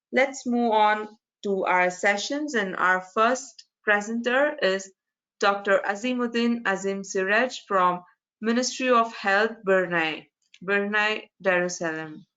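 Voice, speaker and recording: A woman's voice: mid-range voice, fairly bright tone. A woman moderating an online conference, giving polite step-by-step instructions with frequent restarts, heard through a video call screen recording. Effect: captured in a video call screen recording. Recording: dull lo-fi video call audio.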